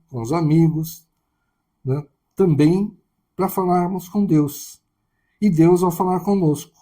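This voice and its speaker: A man's voice: on the high side, dark tone, husky. A man with a Brazilian Portuguese accent preaching a sermon in a conversational way, often checking in with tag questions.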